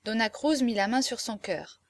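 A woman reading a classic novel aloud as narrator, in a measured, expressive storytelling manner. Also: on the high side, no room sound. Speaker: audiobook narrator.

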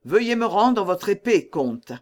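A man's voice: sits high, big pitch swings, unhurried. A man reading a polite, formal officer. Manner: courteous, formal. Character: polite, apologetic guard officer.

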